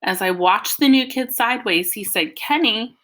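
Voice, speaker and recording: Bright-voiced woman reading an audiobook. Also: medium pitch, moderate pace. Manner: lively, expressive storytelling. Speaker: audiobook narrator. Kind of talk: first-person audiobook narration.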